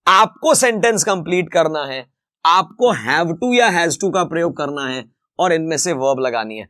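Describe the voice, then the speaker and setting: A man teaching English grammar in a lively, chatty way, reading each example sentence slowly and then explaining it. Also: fairly high pitch, no room sound, clean studio sound. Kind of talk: grammar lesson explained in Hindi.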